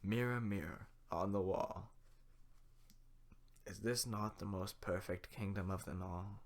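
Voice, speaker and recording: A man voicing a small, cruel, vain lord who makes cold, menacing threats in a lowered voice. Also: fairly even intonation, measured pace. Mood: pompous.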